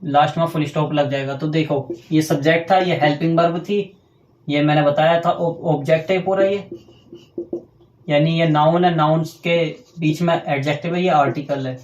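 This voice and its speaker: A man teaching a grammar lesson, explaining step by step and dictating slowly while he writes on a board, often asking questions and answering them himself. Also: fairly high pitch, steady tone, a little mellow, roomy sound. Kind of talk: classroom grammar lecture.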